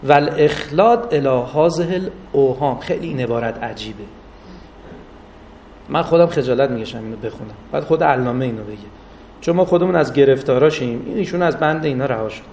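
Animated male religious lecturer, distant mic. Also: mid-range voice. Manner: animated, rises for emphasis, drawn-out Arabic recitation. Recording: distant mic with faint noise.

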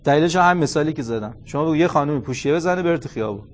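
A man in his forties delivers a religious lecture in a fairly high voice. He is animated, tells stories, and acts out bits of dialogue. He recites quotations in Arabic. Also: soft background music. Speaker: cleric lecturer.

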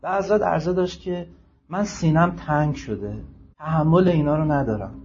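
Male preacher, husky voice, on the high side, declaiming sermon, muffled lo-fi recording. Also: darkish tone, a little hiss or hum. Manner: declaiming, with slow measured Arabic recitation and quicker asides. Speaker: religious preacher reciting a martyrdom narrative. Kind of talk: sermon, reading Arabic passages and translating them. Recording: dull lo-fi recording.

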